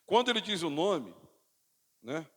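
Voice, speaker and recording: A male pastor, preaching a sermon with dynamic swings from loud calls to quiet asides, and calling on the congregation to repeat after him. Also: high voice, big pitch swings, unhurried. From Brazil. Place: church sanctuary. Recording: reverberant church hall.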